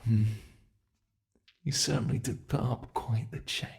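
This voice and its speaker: In this scripted ASMR roleplay monologue, a man voices an ancient monster playing cruelly with human prey, sounding sinister yet playful. His medium-pitched, darkish voice stays steady at a measured pace, creaking with fry as he draws out each threat. Theatrical and teasing, he drops into breathy, menacing whispers.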